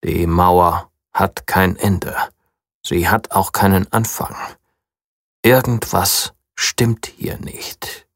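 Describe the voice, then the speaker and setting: A man's voice: low voice, very slow, no echo, studio quality, exaggerated voice. A storyteller voicing a curious, stubborn male dog in a children's story, determined and at times scolding. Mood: puzzled.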